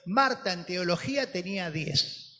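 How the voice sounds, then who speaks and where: A man preaching a sermon as pastor, telling the story dramatically and moving from soft, slow words to emphatic ones. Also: high-pitched, animated. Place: church hall. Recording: long hall reverb.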